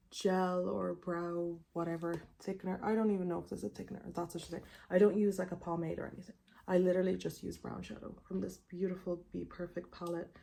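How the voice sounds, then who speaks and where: This twentysomething beauty vlogger speaks with a fairly low, mellow pitch and some vocal fry. Rambling loosely through a makeup tutorial, she says "like" constantly, and her tongue piercing taps faintly on her teeth.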